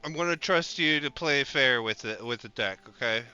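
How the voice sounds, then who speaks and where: A man narrating as dungeon master, animated and laughing often. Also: medium pitch, moderate pace, smooth, lo-fi sound, soft background music. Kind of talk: narrating a tabletop game.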